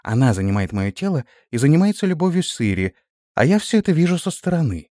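A soft-spoken, naive young woman, put on by a male reader, confiding in a meek, gentle tone. Her lines come in a dry, close storybook reading. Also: on the high side, very animated, quick pace, no echo, voice pushed up.

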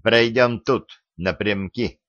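A man's voice: medium pitch, very animated, a little slow, a bit bright, no room sound. A man voicing an arrogant, quarrelsome teenage boy in an audiobook, speaking haughtily and sharply. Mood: haughty. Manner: haughty, quarrelsome, raising his voice. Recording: dull lo-fi recording.

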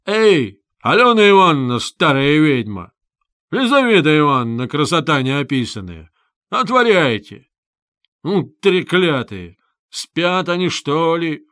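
A man's voice: fairly high pitch, very animated, a little slow, fairly bright tone, dry recording, clean studio sound. A man voicing an impatient, domineering visitor who roars and curses at a locked door, in a storybook reading. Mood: furious. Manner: roaring, rough, bellowing.

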